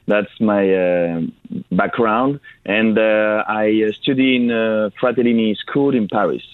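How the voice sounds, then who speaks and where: A man answering as a performer guest in a radio interview, with halting, non-native English phrasing. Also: medium pitch, no echo. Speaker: circus clown, guest. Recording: dry, phone-like band-limited sound.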